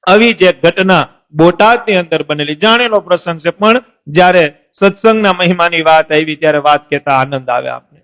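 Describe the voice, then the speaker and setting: A lay preacher tells devotional stories at a temple assembly, posing questions to the audience and answering them himself while acting out the voices of saints and devotees. His storytelling sermon is delivered in a fairly bright, clear, resonant voice on the higher side.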